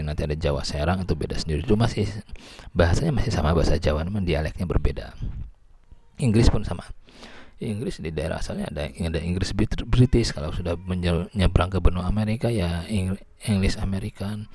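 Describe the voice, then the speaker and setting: Deep gravelly man giving a lecture. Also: a little mellow, dry recording. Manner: explanatory, repeats and restarts words. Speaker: linguistics lecturer. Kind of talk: recorded lecture.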